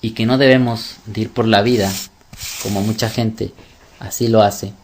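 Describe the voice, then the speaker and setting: A man's voice: fairly low pitch, fairly even intonation, moderate pace, darkish tone, slight background noise. A man teaching scripture in a sermon style, emphatic and fond of rhetorical questions. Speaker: religious teacher.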